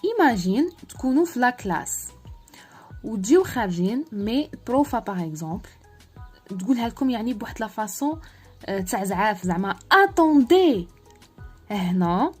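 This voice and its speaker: A woman teaching a phonetics lesson. She explains in dialect and says her French examples slowly and carefully. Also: mid-range voice, a little mellow.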